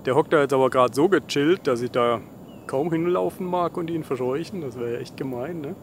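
A travel vlogger with a slightly high voice talks briskly, offering relaxed, laid-back commentary full of dry, colloquial wit. He's on the move, both in a vehicle and outdoors, and the recording clearly picks up the surrounding outdoor and vehicle noise.

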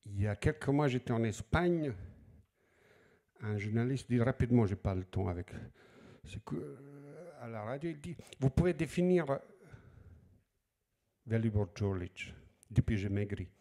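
At a library talk, a middle-aged author whose first language is Slavic, and whose accent shows it, tells anecdotes, acting out quoted lines and repeating words while searching for them. His mid-range voice is animated, creaky, and mellow at a normal speed.

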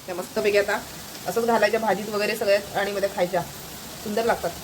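A woman's voice: mid-range voice, fairly even intonation, quick pace. Chatty woman vlogging from her kitchen. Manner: chatty, addresses viewers as friends, shows food. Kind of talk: casual home vlog narration. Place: home kitchen. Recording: home video with noise.

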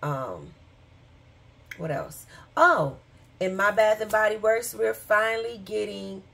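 A woman's voice: medium pitch, sing-song, takes it slowly, creaky, fairly bright tone. A woman vlogger talking casually and rambling with fillers and asides, who has the hiccups. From Michigan, USA. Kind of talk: casual chat.

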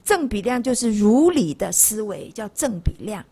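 Raspy older woman lecturing a class. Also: medium pitch, normal speed. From Taiwan. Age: 60s. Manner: lively, keeps asking the class rhetorical questions. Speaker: lay Buddhist lecturer.

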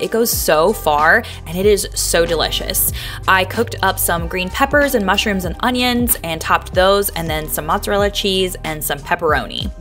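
A woman's voice: lowish voice, pushed and bright. A woman chatting casually in a voice-over as she walks through her lunch prep, upbeat and full of fillers.

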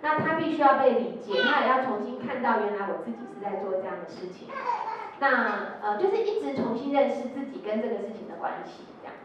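A woman's voice: on the high side, animated, brisk, background noise. Taiwanese-accented woman lecturing in an echoey hall. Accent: Taiwanese Mandarin. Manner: storytelling, acting out quotes, tag particles. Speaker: educator leading a workshop. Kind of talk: lecture with told anecdotes. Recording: echoey hall, distant lo-fi sound.

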